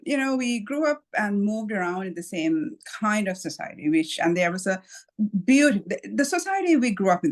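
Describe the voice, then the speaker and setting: A woman from Sri Lanka, a guest author in a podcast interview, who tells her story in a thoughtful, measured way with pauses and light laughs. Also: medium pitch.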